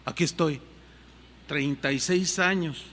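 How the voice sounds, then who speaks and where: A man's voice: a little high, unhurried, fairly bright tone, slight background noise. An older man preaching a sermon as pastor in a church hall, earnest and conversational. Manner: conversational and earnest, shifting pace freely. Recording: reverberant hall sound.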